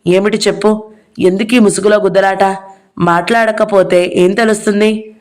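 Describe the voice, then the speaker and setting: A woman voicing a quick-tempered young man who shouts and hurls scornful insults at his sister's husband. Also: medium pitch, steady tone, lightly acted.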